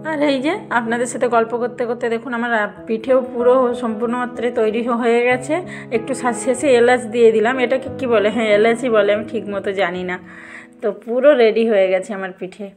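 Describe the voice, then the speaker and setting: A woman's voice: on the high side, steady tone, moderate pace. A talkative young woman chatting casually in her home kitchen while she cooks for her vlog. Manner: talkative, says she talks a lot and loudly. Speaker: home cooking vlogger. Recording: background music under the voice.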